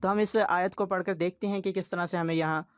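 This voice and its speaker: A man's voice: high-pitched, steady tone, brisk, no echo. A man teaching Quran recitation rules step by step, patient and repetitive in his explaining.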